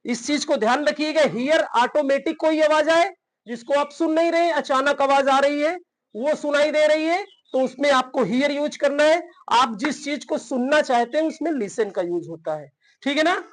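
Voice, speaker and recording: A man's voice: very high-pitched, normal speed, low-quality recording. A man teaching English in Hindi, who asks his learners questions, answers them himself, and often checks in with "theek hai na". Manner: addresses learners as "beta". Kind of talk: spoken English lesson in Hindi.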